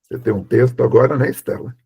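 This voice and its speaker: A man adding brief, measured comments as a guest contributor. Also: medium pitch, husky, lo-fi sound.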